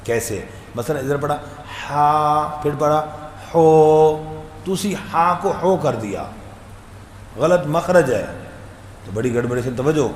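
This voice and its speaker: A man, teaching Quran recitation and explaining letter sounds. He talks conversationally, tells humorous anecdotes, and sings out long drawn-out demonstrations of each letter. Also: fairly high pitch, lively intonation. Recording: echoey room with faint background hum.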